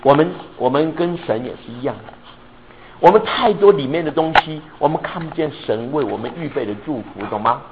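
Male pastor, animated sermon storyteller, slightly raised pitch, drops in English words. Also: brisk, highs cut off, background noise. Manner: animated, often checks if listeners understand; mixes English words into his speech.

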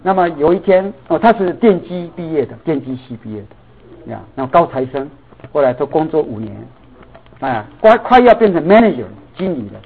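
A middle-aged man preaching a sermon, telling a family story in an animated way and mixing English words into his talk. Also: fairly high pitch, fairly quick, breathy edge. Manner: animated, acts out dialogue, mixes in English words. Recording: tinny phone-like sound.

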